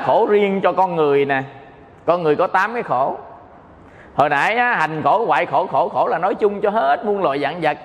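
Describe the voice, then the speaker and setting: High-voiced Southern Vietnamese monk preaching. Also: male voice. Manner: playful, joking, often checks the audience understands. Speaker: Buddhist monk teaching. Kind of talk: dharma talk sermon. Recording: long hall reverb.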